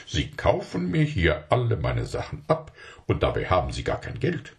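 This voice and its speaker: Ein Mann spricht einen schlauen, überredenden Verkäufer in einer Kindergeschichte, der eifrig um Geschäfte feilscht. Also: male voice, low-pitched, huge pitch swings, vocal fry, full character voice. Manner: wheedling, fast bargaining talk. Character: smooth-talking male salesman, scheming, persuasive.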